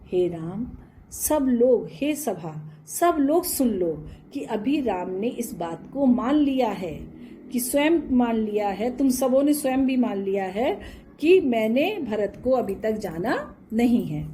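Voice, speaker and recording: A woman teacher who reads poem lines slowly, then explains them in plain with glosses. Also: on the high side, lively intonation, mellow, a little hiss or hum.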